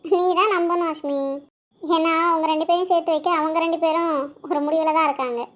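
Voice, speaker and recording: A young woman voicing a girl's calm, lecturing inner conscience in an amateur audio drama. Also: very high-pitched, brisk. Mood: coaxing. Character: gentle, wise female inner conscience. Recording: dull, lo-fi recording.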